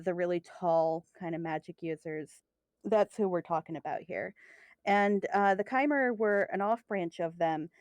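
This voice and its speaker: A woman's voice: on the low side, darkish tone, no room sound. A woman with a Midwestern accent chatting casually on a podcast, rambling and self-deprecating with frequent laughs. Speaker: co-host guest.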